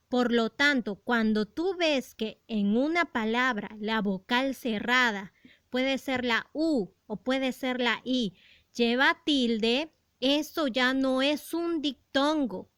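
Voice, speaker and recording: A woman teaching a recorded grammar lesson for primary school pupils, explaining slowly and deliberately and asking rhetorical questions. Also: a little high, fairly bright tone, clear, resonant tone, no echo, studio quality.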